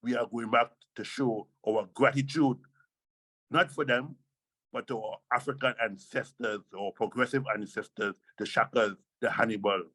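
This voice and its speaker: A man's voice: mid-range voice, moderate pace, a bit bright, no echo, poor audio. An older man speaking as a Rastafari elder, reasoning in Rasta speech with an emphatic, repetitive, oratorical delivery. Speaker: Rastafari elder being interviewed.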